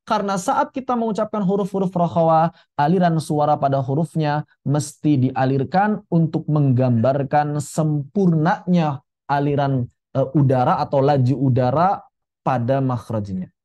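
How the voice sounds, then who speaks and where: A man teaching a Quran recitation lesson, explaining letter sounds in a relaxed, chatty way and repeating each example slowly. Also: on the high side. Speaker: tajwid teacher.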